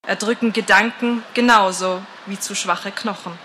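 A woman narrating a first-person story in a calm, measured, atmospheric reading. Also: medium pitch, faint music behind, poor audio.

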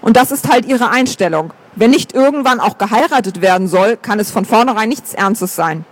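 A man's voice: high-pitched, animated, moderate pace, no echo. A man voicing an easygoing, reassuring older man in an audiobook. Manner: soothing, wry.

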